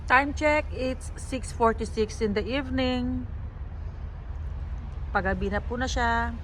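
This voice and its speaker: A vlogger who also staffs an event info point chats casually to her viewers, outdoors or at an office doorway, in a Filipino accent. Her medium-pitched voice is pushed and bright, and the poor audio carries slight background noise.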